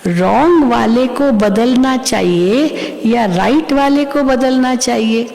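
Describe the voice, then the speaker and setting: Woman teacher, sermon with anecdotes, gravelly tone, long hall reverb. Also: fairly high pitch, slow pace, darkish tone, slight background noise. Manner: storytelling, acts out quoted voices, asks listeners questions. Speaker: spiritual teacher. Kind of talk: murli class sermon with anecdotes.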